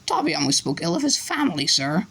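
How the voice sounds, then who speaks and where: A reader voicing a small, servile male house elf with a high-pitched, squeaky voice who talks about himself by name. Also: very animated, fast talker, creaky, sharp tone, slightly rough, heavily acted. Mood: earnest, fearful. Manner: earnest, speaks of himself by name.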